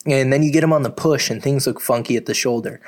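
Regular-pitched guy coaching about fitness, super chatty, lots of likes, swears casually. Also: quick pace. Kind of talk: casual advice talk.

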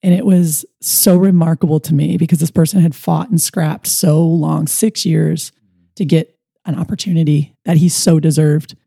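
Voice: medium pitch, moderate pace, creaky, breathy edge, no room sound, clean studio sound. A mental performance coach for baseball players, telling stories earnestly in a casual podcast conversation. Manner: earnest, storytelling, animated retelling with quoted dialogue.

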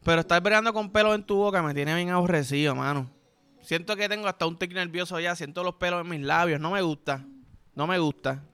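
A man's voice: high voice, quick pace, bright, forceful tone, smooth, dry recording. A young adult man with a Puerto Rican accent hosting a podcast, talking in a crude, slangy comedic monologue full of vocal sound effects. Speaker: podcast host.

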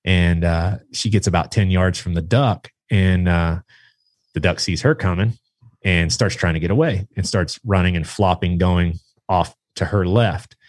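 A man with a very low voice tells a story in relaxed conversation. His telling rambles and picks up energy as he acts out what was said. The sound is dry and close, with no room around it. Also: measured pace, no room sound. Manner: rambling, animated retelling with acted-out quotes. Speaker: guest, duck hunter and dog trainer. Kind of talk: casual storytelling in a podcast chat.

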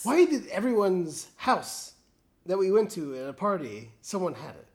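A man's voice: sits high, big pitch swings, moderate pace. A man co-hosting a podcast in casual chat, cracking jokes and teasing. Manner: jokey, teasing banter. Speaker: podcast co-host.

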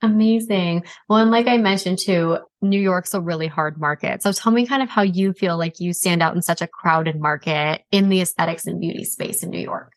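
A woman's voice: lowish voice, normal speed, hardly any pauses, no echo. A woman hosting a beauty podcast, upbeat and enthusiastic, asking casual questions and often saying "kind of". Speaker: podcast host.

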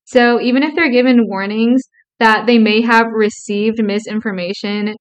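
A woman's voice: on the high side, steady tone, normal speed, smooth. A young woman co-hosting a podcast, earnestly explaining psychology concepts with a touch of dry sarcasm. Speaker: podcast co-host.

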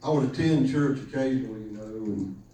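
A man giving a halting personal testimony at church, heard through a low quality stream of the recording. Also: warm tone, very echoey, recorded from a distance, poor audio. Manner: halting, many fillers and restarts. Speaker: podcast host giving testimony.

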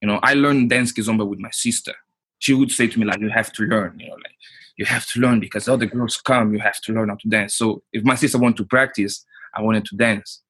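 A husky, fairly low male voice, recorded dry and close. He is in his thirties and talks in a relaxed, halting way, restarting sentences and filling gaps with "you know, like.". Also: no echo. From Portugal. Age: 30s. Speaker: guest. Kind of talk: casual interview.

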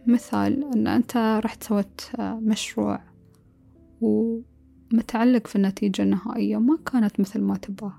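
A woman giving a calm, earnest motivational talk, now and then mixing in English words. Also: mid-range voice, fairly quick, gravelly, pauses often, faint music behind. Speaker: motivational speaker.

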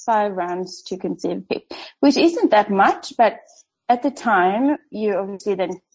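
A woman around thirty talks easily as a podcast guest. Her voice is warm and mellow, with frequent small laughs and hesitant ums. The recording sounds a little dull and lo-fi. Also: medium pitch, lively intonation, measured pace. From Sweden. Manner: chatty, laughs often, many ums. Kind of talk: casual interview chat.

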